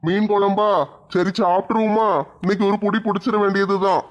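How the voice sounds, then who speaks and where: A man plays a protective village father with a Tirunelveli Tamil accent, indignant on his daughter's behalf. His voice is fairly high and flat. The recording sounds slightly dull. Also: fairly quick, close to an everyday voice. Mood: hungry.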